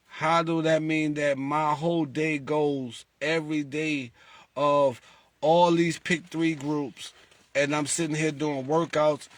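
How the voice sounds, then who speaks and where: Speaking slowly in a fairly high voice with no room sound, a man leads a lottery group and chats casually with his followers. He's animated, firing off rhetorical questions and acting out callers.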